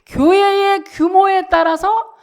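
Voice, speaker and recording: A woman's voice: very high voice, steady tone, slow. A woman pastor giving a Sunday sermon, talking to the congregation in a conversational way and asking many rhetorical questions.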